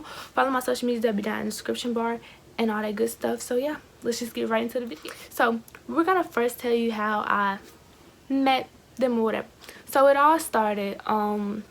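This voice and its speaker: A woman's voice: a little high, fairly bright tone, slight background noise. A fifteen-year-old young woman telling a casual, gossipy storytime to her viewers in slangy talk with frequent asides. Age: teenager, fifteen. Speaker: YouTube storytime vlogger.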